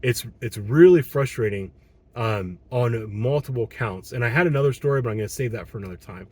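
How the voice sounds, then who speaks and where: A patrol police officer in his thirties with a Midwestern American accent delivers a solo monologue, frustrated and earnest, his voice going hoarse. He has a mid-range, darkish voice, speaks fairly quickly, and keeps saying "um" and restarting.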